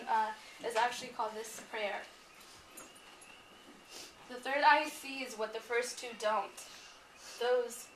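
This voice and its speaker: Reading poems aloud at a memorial gathering, a woman addresses the audience in a heartfelt, solemn way, her voice fairly high and a bit bright. The distant mic captures a roomy sound and some background noise.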